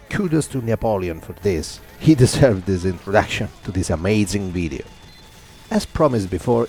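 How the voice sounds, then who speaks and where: A medium-pitched man with a darkish tone delivers formal, wordy voice-over commentary over footage of his own gameplay. It is scripted narration, and a faint hiss or hum can be heard.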